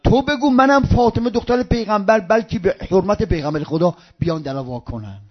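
A man preaching a religious sermon with storytelling. He swings from loud outbursts to hushed near-whispers and chants some phrases in a sing-song cadence. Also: high voice, animated. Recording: dull lo-fi recording.

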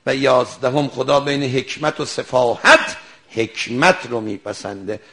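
A man preaching an animated sermon, telling stories and acting out their dialogue, sometimes rising to a shout. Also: mid-range voice. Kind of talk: sermon with storytelling.

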